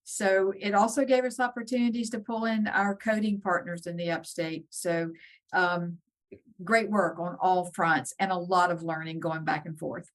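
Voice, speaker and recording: Lower-pitched woman guest talking shop on a podcast, earnest, lots of ums. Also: fairly even intonation, normal speed. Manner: earnest, with frequent ums and restarts. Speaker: guest, nursing executive. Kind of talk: podcast interview.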